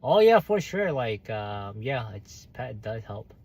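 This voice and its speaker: A man's voice: medium pitch, very animated, takes it slowly, darkish tone. A young man, chatting casually on a livestream while reading viewer comments, hesitant with many fillers and restarts. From South Korea. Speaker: livestream host.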